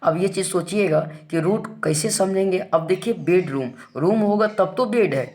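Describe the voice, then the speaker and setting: A man's voice: sits high, a little mellow. Indian accented guy teaching english grammar, keeps asking and answering his own questions. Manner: explains in Hindi, reads English rules slowly, asks and answers his own questions. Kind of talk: classroom-style grammar lesson.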